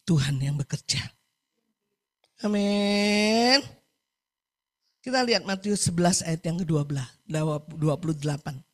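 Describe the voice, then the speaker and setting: A woman's voice: low voice, brisk, hardly any pauses, slightly rough. A woman preaching a sermon over a video call, emphatic, repeating key phrases and asking the congregation for agreement.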